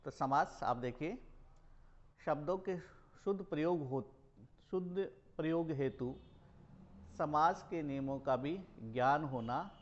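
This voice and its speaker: A male college teacher from Rajasthan, India, giving a recorded grammar lesson and repeating words slowly for emphasis. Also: fairly high pitch. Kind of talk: recorded Hindi grammar lecture. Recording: dull lo-fi recording.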